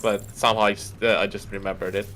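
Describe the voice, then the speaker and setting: Low-voiced non-native English-speaking man. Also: little pitch movement, fairly bright tone, slight background noise. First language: not English. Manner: explains at length, halting and searching for words. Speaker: co-player on a game stream. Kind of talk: casual chat while gaming.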